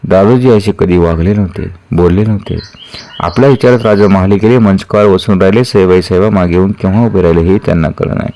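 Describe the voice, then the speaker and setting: A man reading a historical novel aloud as narrator, in steady, earnest storytelling. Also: sits low, fast.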